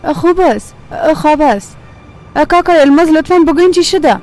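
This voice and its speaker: A woman's voice: sits high, expressive, a little mellow. A woman dubbing an anxious young woman who speaks politely and hesitantly. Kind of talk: dubbed TV drama. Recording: dubbed over music score.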